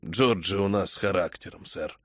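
A man voicing a feeble, fussy old father-in-law who mumbles quietly in a flustered way. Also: deep voice, moderate pace, no room sound, studio quality, voice pushed down, lightly acted. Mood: mumbling.

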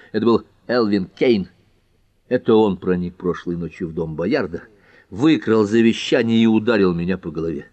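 A man reading a dry, sharp-witted detective. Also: lowish voice, dry recording, muffled recording, close to an everyday voice. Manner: dry, reasoning, confident. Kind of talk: audiobook character reading.

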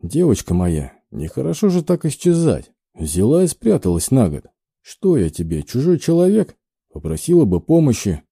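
Condescending young noble, voiced by the reader, slow drawl, husky tone. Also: male voice, medium pitch, wildly swooping pitch, mellow, dry recording, clean studio sound, full character voice. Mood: smug. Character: smug young aristocrat man, mocking.

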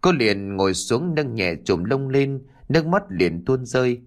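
A man narrating a story in an expressive, dramatic way. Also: mid-range voice, unhurried.

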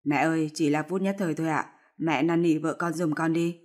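A woman's voice: deep voice, fairly even intonation, brisk, darkish tone, natural voice. Woman voicing young husband, guilty, pleading, defensive, storybook figure.

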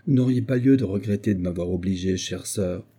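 A man's voice: deep voice, a little fast, warm tone, slightly rough. A man voicing a cold, selfish, scheming middle-aged man in an audiobook, speaking with firm disdain. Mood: smooth.

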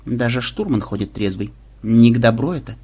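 A man voicing a sharp-tongued young woman officer on a space cruiser, grumbling and quick to alarm. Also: mid-range voice, expressive, slightly rough. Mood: gloomy.

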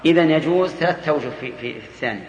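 A man's voice: on the high side, animated, rapid-fire. A man teaching Arabic grammar, quizzing his students with short, prodding questions. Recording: dull, echoey lecture hall recording.

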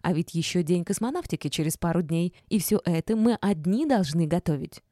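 A woman reading an audiobook, voicing a spiteful, mocking young woman who taunts and bosses people around with a drawn-out sneer. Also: lowish voice, lively intonation, mellow, dry recording, clean studio sound, lightly acted. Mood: indignant. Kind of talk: audiobook character voice.

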